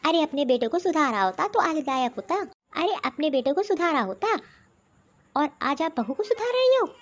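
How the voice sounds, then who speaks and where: Defiant young daughter-in-law voiced by a woman, sharp-tongued, high lively voice, cartoon story. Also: moderate pace. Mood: indignant. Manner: talking back, defiant.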